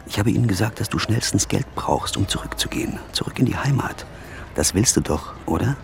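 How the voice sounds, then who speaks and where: A male dubbing actor playing a brash young man and son who boasts in hushed tones and flares into shouting. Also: lowish voice, lively intonation, brisk, gravelly, slight background noise. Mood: hushed boasting. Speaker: son and older brother.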